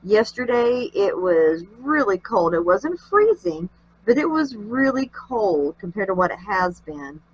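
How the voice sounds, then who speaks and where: A woman's voice: mid-range voice, very animated, measured pace, husky, dull audio. A woman with a nasal, allergy-congested voice hosting a craft tutorial, chatting in a homey way as she works. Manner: chatty, homey, talks while working. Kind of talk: casual craft tutorial narration.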